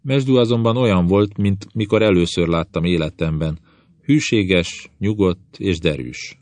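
A man with a very deep voice reads a novel aloud in the first person, his telling measured and even. The sound is dry and close, with no room around it. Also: dry recording. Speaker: audiobook narrator.

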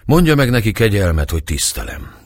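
Polite young student guy, man reading, raised voice, husky, dry. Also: fairly low pitch, sing-song, no room sound, pitched above the performer's own voice. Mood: earnest.

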